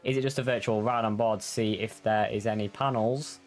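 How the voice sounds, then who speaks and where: A man commentating live on an online motor race in an excitable, effusive way. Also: fairly low pitch, a little fast.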